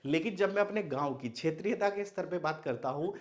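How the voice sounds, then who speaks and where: A slightly high voice, fairly quick, belongs to a young Maithili-speaking man from Madhubani in Bihar, India. He teaches Hindi through an online explanatory video lesson, posing questions and then answering them.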